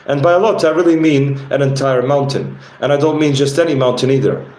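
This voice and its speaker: A man's voice: mid-range voice, fairly quick, darkish tone, roomy sound, a little hiss or hum, lightly acted, poor audio. A man doing a laid-back joking carriage rider. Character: easygoing male carriage rider and guide.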